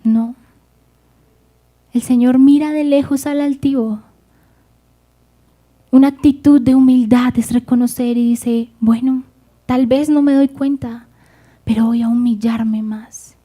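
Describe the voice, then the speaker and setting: A woman's voice: fairly high pitch, steady tone, slow pace, long pauses, dark tone. A woman preaching a sermon, speaking fervently and addressing the congregation directly.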